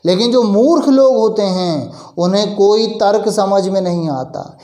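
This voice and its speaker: Slow, high-voiced man teaching English phrases. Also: mellow, echoey room. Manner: explains patiently, asks the class questions and answers them himself; reads English phrases out slowly and deliberately. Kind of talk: Hindi-medium English lesson.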